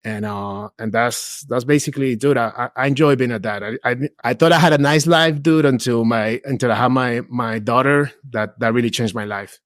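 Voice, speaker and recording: A man in his forties, a Peru-raised real estate investor, talks casually as a podcast guest at normal speed with few pauses and a medium-pitched voice. He's easygoing and chatty, often says "dude" and "bro," and restarts frequently. The studio sound is clean and dry.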